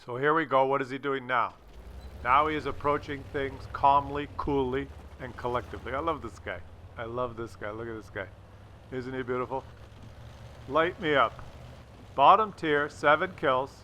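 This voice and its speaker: This man's medium-pitched voice has a sharp tone and a moderate pace as he hosts a gaming video. His replay commentary is casual and wry, mixing sarcasm, teasing and crude humor, with game noise faintly audible behind.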